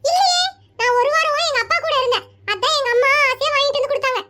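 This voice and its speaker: A chirpy cartoon schoolgirl who chatters on with giggles in her voice, voiced by a performer. The voice is extremely high, quick and bright. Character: cheerful young girl, chatty. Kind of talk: animated comedy cartoon voicing.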